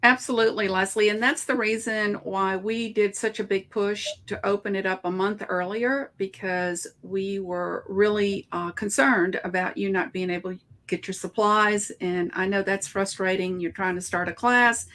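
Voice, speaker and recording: A woman co-hosting a live online art broadcast, speaking in a measured, slightly halting way. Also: medium pitch, steady tone, a bit bright. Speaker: co-host.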